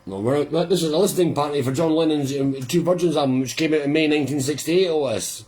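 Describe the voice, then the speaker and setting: A man hosting a live listening party, chatting casually and rambling with quiet amusement as the record plays. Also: a little high, fast.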